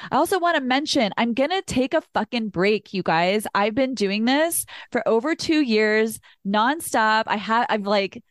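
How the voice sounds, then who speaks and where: Casual woman podcast host, chatty and animated, drops swears, dry close sound. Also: fairly high pitch, a little slow, few pauses, no echo. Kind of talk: casual chat.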